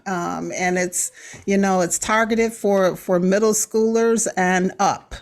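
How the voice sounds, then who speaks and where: A woman from the Midwest hosts a casual interview, nodding along with frequent short agreements. Her voice sits at a middle pitch for a woman. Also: fairly even intonation, takes it slowly. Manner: warm affirming listener, frequent agreement. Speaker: host.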